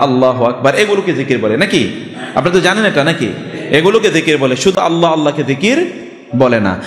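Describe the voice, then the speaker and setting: An older man from Bangladesh giving a Friday sermon, emphatic, full of rhetorical questions and storytelling. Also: mid-range voice. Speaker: preacher. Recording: echoey hall reverb.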